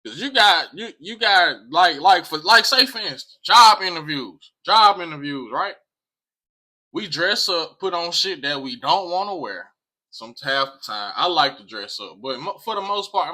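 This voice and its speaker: A man's voice: fairly high pitch, sharp tone. An American man talking casually to viewers in an emphatic way, repeating phrases and swearing freely. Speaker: vlog host.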